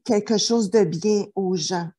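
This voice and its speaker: A woman with a warm, medium-pitched voice speaks slowly as she recounts her life in an interview. She is a middle-aged therapist from New Brunswick, Canada, and her speech is hesitant, with many fillers and restarts.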